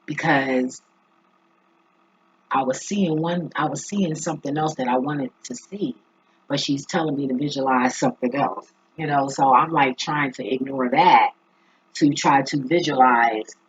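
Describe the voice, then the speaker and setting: A vlogger with a husky voice talking casually and reflectively to viewers, halting and thinking aloud. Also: mid-range voice. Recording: dull lo-fi recording.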